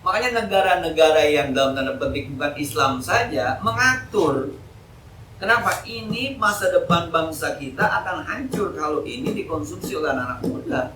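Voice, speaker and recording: Male ustadz, slangy and joking, slightly high voice, roomy distant mosque recording. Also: normal speed, slight background noise. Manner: joking, colloquial, lively street slang. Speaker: ustadz giving an Islamic study lecture. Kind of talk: casual evening sermon. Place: mosque hall. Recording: echoey hall, mic from a distance.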